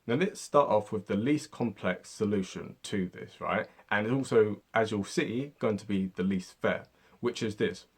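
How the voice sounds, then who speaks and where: Man from Britain, casual history explainer, low-pitched, slightly husky, chatty with fillers. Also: measured pace. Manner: conversational, lots of fillers like "right?" and "you know". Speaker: history video host.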